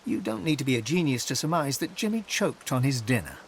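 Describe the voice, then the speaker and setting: A man narrating a fantasy video game in the second person, with measured, dramatic storytelling. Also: medium pitch, big pitch swings, noisy background, natural voice.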